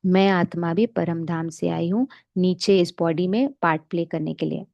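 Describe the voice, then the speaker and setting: A woman giving a calm, explanatory spiritual meditation lesson, asking rhetorical questions as she teaches. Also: lowish voice, moderate pace, creaky, no room sound, dull audio. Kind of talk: spiritual lecture mixing Hindi and English.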